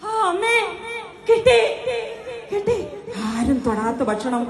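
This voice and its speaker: A woman's voice: high-pitched, very animated, slow pace, a crowd in the background, exaggerated voice. A woman playing a kind homeless madwoman who comforts and looks after an old mother, in a comforting sing-song manner in a stage skit. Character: kind homeless madwoman, young, caring and protective. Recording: echoey hall, audience noise.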